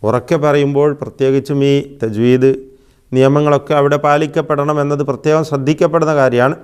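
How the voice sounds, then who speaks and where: A man's voice: a little high, fairly even intonation, brisk, a little mellow, clear, resonant tone. A man teaching the rules of Quran recitation in a patient, explaining lesson, stretching out sounds to demonstrate them. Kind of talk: religious lesson.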